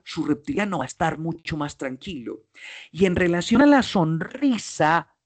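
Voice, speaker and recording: A man with a Colombian accent giving a motivational talk in a playful, slangy way, asking himself questions and answering them. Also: a little high. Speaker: speaker.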